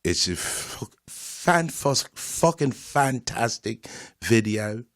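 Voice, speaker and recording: A man's voice: very high-pitched, normal speed, no echo, clean studio sound, voice pushed up. A man voicing a brash, cocky British bloke who swears and keeps saying mate. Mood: boastful. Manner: cheeky, swearing, calls people mate. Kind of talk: comedic impression in a podcast chat.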